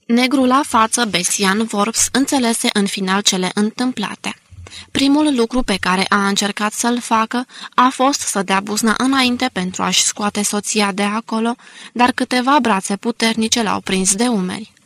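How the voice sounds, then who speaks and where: Woman reading an audiobook, steady and measured, dry close sound. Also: on the high side, no echo. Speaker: audiobook narrator. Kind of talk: scripted narration.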